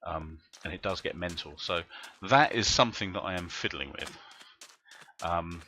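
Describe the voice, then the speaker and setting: A deep-voiced man rambles through live commentary as he plays, chatting to his viewers while he works. His tone is bright and forceful, and he thinks aloud in loose, wandering sentences. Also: normal speed, slight background noise. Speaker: game streamer.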